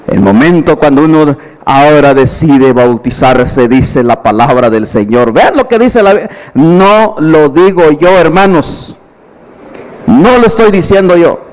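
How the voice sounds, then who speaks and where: A pastor delivers an emphatic evangelistic sermon and keeps putting questions to his listeners. His voice sits high for a man. The sound carries a long reverb, as in a large hall. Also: animated, a little slow, a little mellow. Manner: emphatic preaching with rhetorical questions to the congregation.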